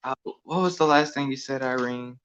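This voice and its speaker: A man calling into a group discussion over his phone, halting and full of fillers. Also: medium pitch, fairly bright tone, smooth. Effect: speaking over a phone line. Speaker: panel participant calling in. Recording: dull lo-fi phone audio.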